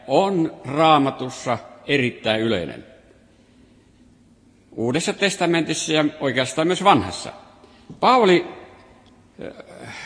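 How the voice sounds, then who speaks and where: A man preaching a sermon, reading and explaining scripture with rising and falling emphasis. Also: fairly high pitch. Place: hall. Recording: long reverb of a hall.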